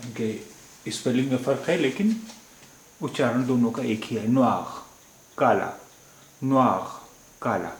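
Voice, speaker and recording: A man teaching a language lesson, saying each word slowly and repeating it before giving its meaning. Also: medium pitch, expressive, gravelly, darkish tone, roomy sound. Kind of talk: slow, repetitive language lesson.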